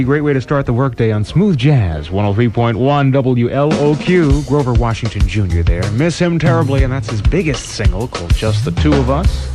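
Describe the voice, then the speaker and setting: An American-accented man with a medium-pitched voice works as a morning radio DJ, presenting smooth jazz along with brief information updates.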